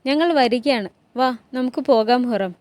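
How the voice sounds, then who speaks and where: A woman voicing a caring, concerned royal princess who reassures her friend. The voice is fairly high, close and dry. It is read out as a retold palace drama. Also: measured pace, darkish tone, no room sound.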